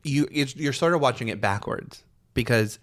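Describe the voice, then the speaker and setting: A man co-hosting a podcast, telling a story in animated casual chat, full of fillers and swearing. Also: mid-range voice, moderate pace. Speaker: podcast co-host.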